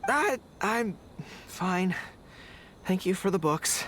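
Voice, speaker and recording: An actor playing a nervous, earnest young man in a video game, halting, flustered and polite. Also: mid-range voice, expressive, fairly bright tone, a little hiss or hum. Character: nervous, earnest young male festival errand-runner.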